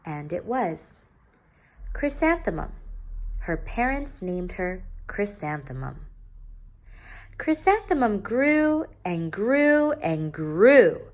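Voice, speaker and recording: A woman teacher reading a children's storybook aloud, deliberate and emphatic. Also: medium pitch, sing-song. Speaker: teacher reading to young pupils. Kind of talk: expressive children's storybook narration.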